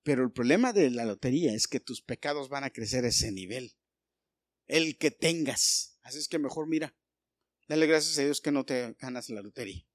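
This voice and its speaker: A male pastor preaching a sermon, animated and full of rhetorical questions aimed at the congregation. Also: medium pitch, moderate pace, no room sound.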